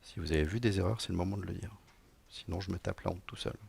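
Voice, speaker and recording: A man's voice: sits low, quick pace, gravelly, darkish tone, slightly rough. A middle-aged man live-coding at a conference, talking casually with lots of fillers and dry jokes to a room audience. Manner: casual and joking, many fillers. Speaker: conference speaker, technical director. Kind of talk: live-coding tech talk.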